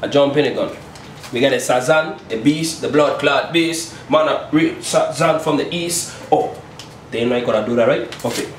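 Here the home cook host speaks at medium pitch and a normal speed, chatting playfully through his recipe and ending lines with "you check?" A distant camera mic records him in his small kitchen, giving a roomy, far-off sound with slight hiss or hum.

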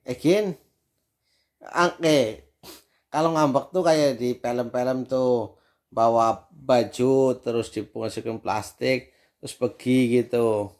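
A man's voice: medium pitch, slow, long pauses, a little mellow. A man, a father playfully teasing his daughter in a casual family vlog, laughing often.

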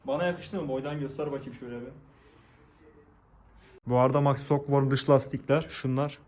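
A man's voice: medium pitch, steady tone, brisk, darkish tone, reverberant. A young man chatting to viewers in a casual unboxing vlog, joking as he tries things on. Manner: chatty, jokey, addresses viewers. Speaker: vlogger.

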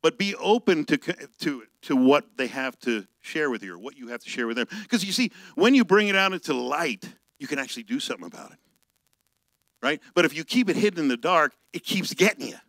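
A male pastor giving a conversational sermon, reading scripture slowly and telling personal stories. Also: on the high side, very animated, a bit bright, no echo, poor audio.

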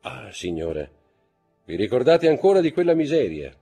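A poised, mysterious wealthy count, read by a man, gracious and measured yet lively in his turns of phrase. The voice is husky and a little raised. Faint music underlies the storybook reading. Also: medium pitch, pitched above the performer's own voice, heavily acted. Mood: courteous, gracious. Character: composed, mysterious rich count, courteous and controlled.

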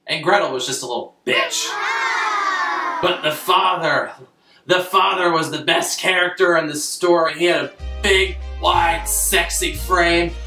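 In a small, echoey bedroom, a young adult man tells a comic bedtime story in the role of a crass, theatrical father. His voice is high-pitched and creaky, and he sits well away from the mic.

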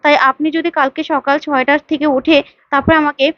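A woman's voice: sits high, flat delivery, fast, no room sound, muffled recording, lightly acted. A woman reading the lines of a sly, demanding young wife who coaxes others to serve her. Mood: wheedling. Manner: wheedling, coaxing.

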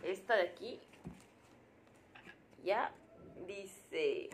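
A young woman, sounding out syllables slowly and musing aloud during a casual live study session. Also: mid-range voice, background noise. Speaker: language learner streaming her study session.

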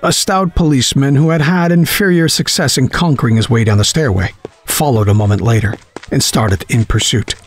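A man narrating a horror story, reading in a measured, dramatic way. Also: medium pitch.

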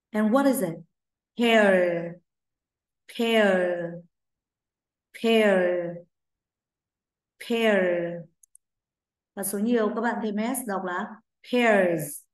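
A woman's voice: mid-range voice, a little mellow. Woman teacher with a Vietnamese accent, stretches model words for kids to repeat, roomy echo. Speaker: English teacher. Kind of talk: children's English vocabulary lesson.

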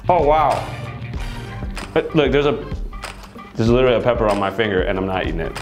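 A man in his thirties chatting casually in halting, complaining exclamations, his mouth burning from spicy food. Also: on the low side, expressive. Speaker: guest contestant in a hot sauce challenge. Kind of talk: casual chat while eating spicy wings. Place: studio set, indoors. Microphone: lapel mic. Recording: echoey studio room with music behind.

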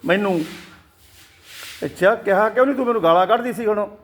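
A man's voice: high voice, a little fast. Teasing older Punjabi man, faint noise. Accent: Indian Punjabi. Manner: teasing, repeats phrases to the child. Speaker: grandfather chatting with a small child. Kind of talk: casual home chat.

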